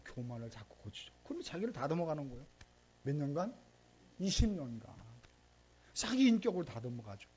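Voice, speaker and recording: A man's voice: fairly high pitch, big pitch swings, a little fast, long pauses, darkish tone, muffled recording, a little hiss or hum. An older man preaching a sermon as a pastor, acting out prayers and asking the congregation questions.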